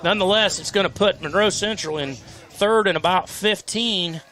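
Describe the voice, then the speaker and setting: A man giving color commentary on a high school football game in a folksy, chatty way with homespun sayings. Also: moderate pace, bright, forceful tone, soft background music. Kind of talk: live sports commentary.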